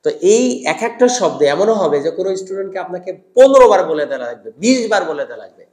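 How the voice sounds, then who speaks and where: A man teaching Quran recitation rules to teachers, explaining patiently and drawing out example words in slow chant. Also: high voice, sing-song, darkish tone, echoey room. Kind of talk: tajweed lesson for teachers.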